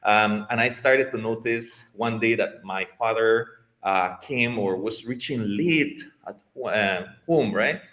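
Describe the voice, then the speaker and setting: A man's voice: lowish voice, measured pace, a bit bright. A man from Costa Rica with a Costa Rican Spanish accent, a guest answering interview questions in a hesitant way, often restarting and repeating words. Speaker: guest, IT program head. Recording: roomy, echoey sound.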